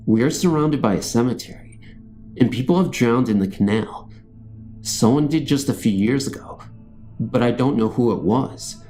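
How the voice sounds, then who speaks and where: This is scripted first-person storytelling: a man recounting true ghost stories with soft music beneath him. He has a medium-pitched voice with a dark, mellow quality.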